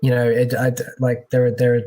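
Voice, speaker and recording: A man's voice: medium pitch, completely flat delivery, a little fast, warm tone. A man working as a tech recruiter, chatting casually in an interview with lots of fillers and restarts, heard over a video call.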